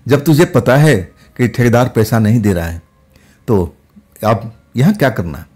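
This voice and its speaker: A man's voice: mid-range voice, big pitch swings, unhurried. A man voicing a sweet, fearless ghost girl. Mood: gently familiar. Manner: soft, familiar, using intimate address. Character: kind young female ghost, familiar and fearless.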